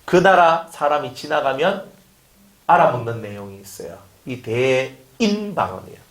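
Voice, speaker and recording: A man's voice: mid-range voice, animated, moderate pace, fairly bright tone. A man preaching a sermon, firing off rhetorical questions and acting out quotes. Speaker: pastor. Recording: echoey room.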